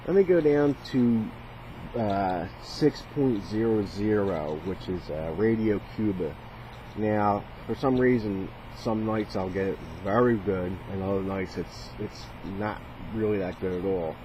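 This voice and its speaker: A radio hobbyist presents a video, casually demonstrating a radio while hesitating and thinking aloud. His voice is lowish and unhurried, with the highs cut off, and the noisy recording carries shortwave static and chatter in the background.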